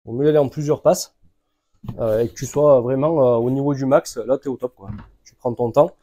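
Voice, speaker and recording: A man casually talking the viewer through a van oil change, relaxed and informal, with frequent filler sounds. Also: medium pitch, normal speed. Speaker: mechanic hosting a tutorial channel. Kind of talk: casual how-to instruction.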